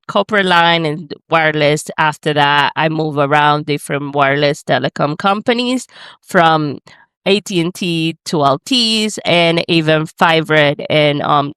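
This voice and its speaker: A woman's voice: deep voice, a bit bright, smooth, dry recording. A woman from the Dominican Republic, a guest on a podcast, telling her career story in a casual, earnest way. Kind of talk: casual interview answers. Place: home in the Bronx, calling in.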